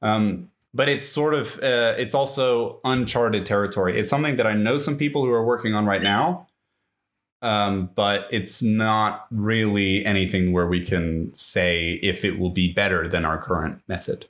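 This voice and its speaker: A man's voice: lowish voice, steady tone, normal speed, fairly bright tone. A man who is a scientist, explaining answers to listener questions in a casual discussion, thoughtful and often correcting himself mid-sentence. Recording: roomy echo.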